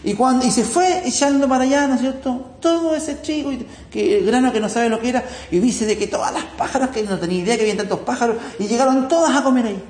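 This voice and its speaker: Chilean preacher telling folksy stories. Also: male voice, very high voice, fast talker, few pauses, darkish tone. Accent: Chilean Spanish. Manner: folksy, chuckling anecdotes with acted-out voices. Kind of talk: sermon with storytelling. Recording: echoey room, faint ambient noise.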